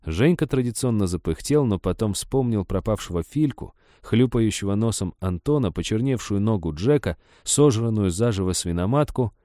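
A man reading a story aloud in even, scripted audiobook narration. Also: lowish voice, normal speed, few pauses, dry recording, studio quality.

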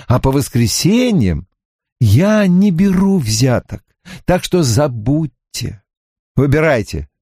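A man's voice: mid-range voice, darkish tone, no room sound. A man narrating an audiobook in the first person, dry and wry in tone.

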